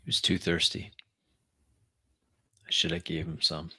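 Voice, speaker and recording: A man in a tabletop roleplay narrates what his character does, calm, measured and brooding. His voice is low, creaky and slightly rough.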